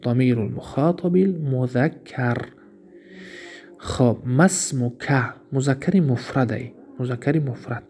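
Over soft background music, a man with a medium-pitched, dark voice and a Tajik accent teaches Arabic grammar in a recorded lesson. He explains at a slow pace, reads then translates every example, and asks questions only to answer them himself.

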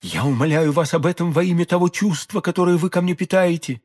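Man doing a pleading young woman, raised and husky. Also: fairly high pitch, fast, darkish tone, pitched above the performer's own voice, lightly acted. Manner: pleading, alarmed. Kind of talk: audiobook character voice.

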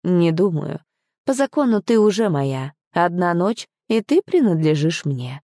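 A woman's voice: lowish voice, sing-song, measured pace, dark tone, no echo, studio quality, full character voice. A woman voicing a possessive, domineering young man who talks in a mocking, commanding way. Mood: smug, commanding.

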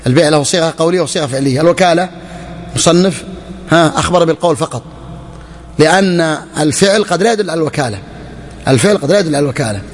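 A male sheikh giving a jurisprudence lesson, reading slowly from the text, then explaining it with repeated phrases and questions he answers himself. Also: fairly high pitch, big-room sound. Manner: repeats key phrases, asks and answers his own questions; slows down when quoting the text. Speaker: sheikh teaching Islamic jurisprudence. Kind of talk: classroom lecture explaining a text.

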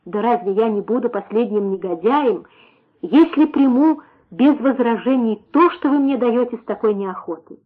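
Woman reader doing a young man, pleading, impassioned, husky, tinny phone-like audio. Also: fairly high pitch, lively intonation, moderate pace. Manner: impassioned, questioning. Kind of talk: audiobook reading.

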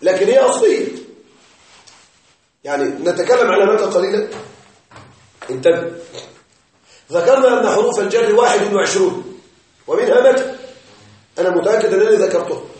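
A male teacher with a high voice lectures on grammar. He works slowly, repeating each point and asking his students if they follow. The sound is distant and heavily echoed, as if from the back of a bare classroom. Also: lively intonation, darkish tone. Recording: very echoey room, voice far from mic.

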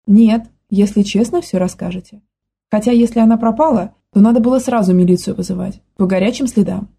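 A woman's voice: mid-range voice, brisk, vocal fry, warm tone, slight background noise, close to an everyday voice. A woman reading the part of a determined young woman who keeps pressing with questions. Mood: coaxing. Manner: firm, persistent questioning.

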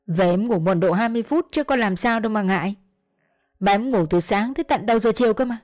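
A woman's voice: medium pitch, fast talker, a little mellow, lightly acted. A woman voicing a blunt, protective young man in a narrated audio story. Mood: reassuring. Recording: dry close mic, faint music.

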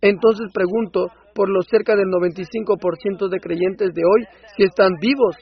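Male preacher for a sermon dub: high, husky, impassioned, swells into loud outbursts, dull lo-fi sound. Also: steady tone, normal speed. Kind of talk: Spanish voice-over of a sermon.

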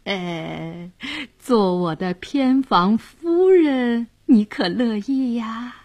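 A woman's voice: a little high, expressive, drawn-out words, a little mellow, heavily acted. A woman putting on a leering drunk official. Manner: leering, boastful, slurring. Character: lecherous drunken male official, middle-aged.

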